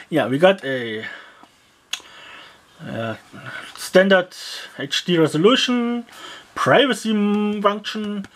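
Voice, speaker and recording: Slow, halting gadget reviewer, grumbling. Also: medium pitch. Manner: rambling, halting, grumbling asides; frequent fillers like yeah and uh. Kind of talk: casual product teardown commentary.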